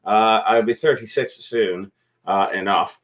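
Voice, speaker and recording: A musician in his thirties co-hosts a casual drinking stream, trading drunken banter, cracking jokes and rambling until his words trail away into mumbles. His voice is on the low side, steady in tone and unhurried.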